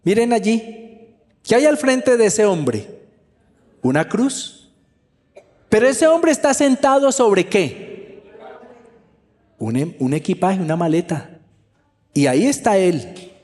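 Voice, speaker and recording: A man's voice: high-pitched, very animated, slow, long pauses, darkish tone. Emphatic man preaching in a large hall. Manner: emphatic preaching, repeats key phrases. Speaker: pastor. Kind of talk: sermon.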